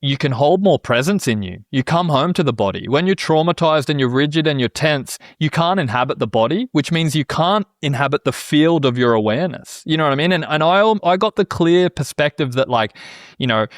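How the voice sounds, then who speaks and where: A man's voice: fairly high pitch, lively intonation, brisk, no echo, studio quality. A man hosting a casual spiritual conversation, reflective and often checking in with "you know what I mean?". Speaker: podcast host.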